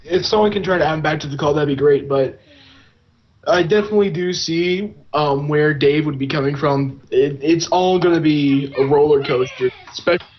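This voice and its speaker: A man's voice: fairly high pitch, muffled recording. A man talking casually as a guest on an online call, his audio cutting out and dropping away. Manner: halting, with fillers and restarts. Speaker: guest on a call-in chat show. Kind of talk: casual chat.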